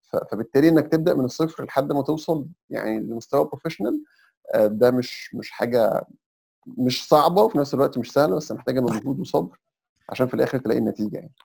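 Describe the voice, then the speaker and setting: Speaking very fast and animatedly, a young Egyptian man guests on a podcast with a warm, gravelly mid-range voice that has a breathy edge. His Egyptian Arabic accent comes through as he casually explains advice step by step, mixing in English terms.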